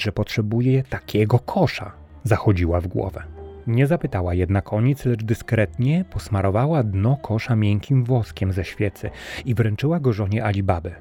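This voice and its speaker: A man narrating a fairy tale in a steady, even storytelling manner. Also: on the low side.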